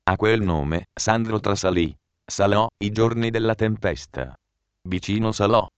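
A man reading a novel aloud in a steady, measured way, lightly voicing the characters. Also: lowish voice, smooth, no room sound, lo-fi sound. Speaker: narrator.

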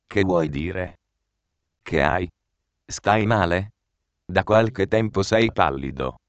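A man voicing a sharp-tongued young woman who answers curtly and defensively. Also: deep voice, takes it slowly, dry recording, dull audio. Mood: worried. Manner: curt, defensive.

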